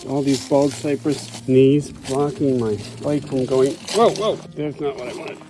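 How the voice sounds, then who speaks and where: A man's voice: medium pitch, unhurried, background noise. Chatty man narrating a trail ride outdoors. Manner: chatty, self-narrating, breathless from effort at times. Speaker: bikepacking vlogger. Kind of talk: casual narration while riding. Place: outdoors on a swampy forest trail. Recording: music playing underneath. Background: music.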